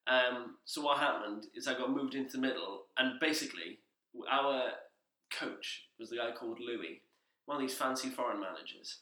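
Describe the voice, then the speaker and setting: A man's voice: medium pitch, moderate pace, bright, forceful tone, echoey room. A young man co-hosting a podcast, telling rambling anecdotes in casual chat with fillers and laughs. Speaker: podcast co-host.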